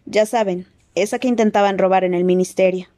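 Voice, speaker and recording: Una mujer que lee un audiolibro y da voz a un muchacho mago sincero y agobiado, hablando con calma y seriedad. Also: female voice, medium pitch, natural voice. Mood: serious. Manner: quiet, earnest, measured. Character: teenage wizard boy, earnest and burdened. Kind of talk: audiobook character voice.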